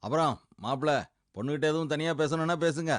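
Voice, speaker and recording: An actor playing a jovial bride's father in a TV serial, who laughs often and gently reassures his daughter. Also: a little high, fast talker, dry recording, clean studio sound, lightly acted. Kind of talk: TV serial acting.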